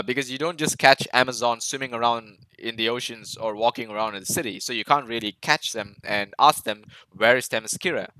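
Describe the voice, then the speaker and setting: A man talks through a movie scene by scene in a loose, eager way, stumbling over his words and filling gaps with "uh." His voice is bright and forward, set in a mid range for a man. The sound is dry, with no room around it. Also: mid-range voice, dry recording, low-quality recording. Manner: enthusiastic, many fillers and restarts. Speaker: film reviewer. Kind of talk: casual movie breakdown commentary.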